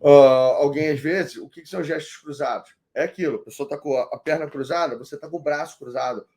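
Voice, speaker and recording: Lively man teaching coaching. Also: fairly high pitch, brisk. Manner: lively, talks straight to the viewer with tag questions. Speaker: coaching instructor. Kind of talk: online course lecture.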